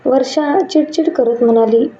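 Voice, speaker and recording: Woman narrating a story, dark echoey sound. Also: sits high, moderate pace, slight background noise. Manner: reads dialogue lines in lightly shifted voices. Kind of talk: scripted story narration with character voices. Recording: muffled and echoey room.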